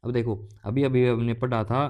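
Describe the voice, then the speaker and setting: A man's voice: mid-range voice, fairly even intonation, normal speed, dull audio. A man teaching English idioms in a casual lecture. He asks his own questions and answers them, with playful jokes along the way. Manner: explains by asking questions and answering them himself; jokey, playful asides while explaining.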